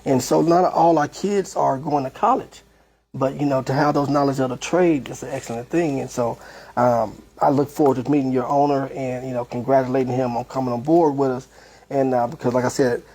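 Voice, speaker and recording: A man's voice: mid-range voice, fairly even intonation, fairly quick, mellow, husky, low-quality recording. A man hosting a community podcast, interviewing his guest in a laid-back way with frequent affirming remarks. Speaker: host. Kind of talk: casual interview.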